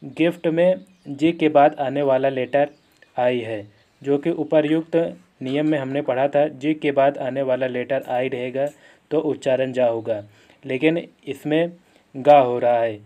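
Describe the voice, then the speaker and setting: A man teaching English pronunciation, explaining slowly and repeating each example word. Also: medium pitch, fairly even intonation, warm tone. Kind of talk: classroom lesson.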